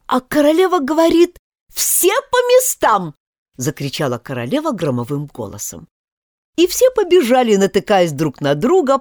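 Female audiobook narrator, very animated intonation, dead-dry studio sound. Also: medium pitch, dry recording. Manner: expressive, sing-song storytelling. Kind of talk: storybook narration.

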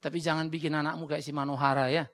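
A man's voice: a little high, level tone, fast talker, fairly bright tone. A man preaching a sermon bluntly and with energy, acting out the voices he quotes and dropping English words into his talk. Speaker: pastor.

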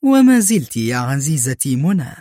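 Man doing a scornful female spy, sharp, harsh, mocking, raised pitch, dry close sound. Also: sing-song, moderate pace, no room sound, lightly acted. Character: cold cunning female spy, fierce, scornful.

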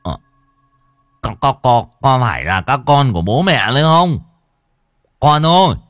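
A man's voice: low-pitched, expressive, drawn-out words, bright, forceful tone, clear, resonant tone, no room sound, studio quality, voice pushed down, heavily acted. A man voicing a frightened old father who stammers and quavers. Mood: pleading. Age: older.

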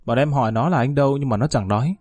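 A man's voice: mid-range voice, rapid-fire, darkish tone, breathy edge, no echo, close to an everyday voice. A man voicing a fawning, nervous male gang underling who pleads and placates in a story reading. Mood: pleading.

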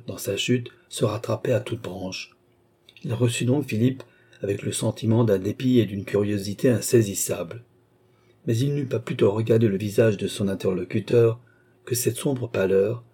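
A man narrating a classic novel in a steady literary reading. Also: lowish voice, husky. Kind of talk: audiobook reading.

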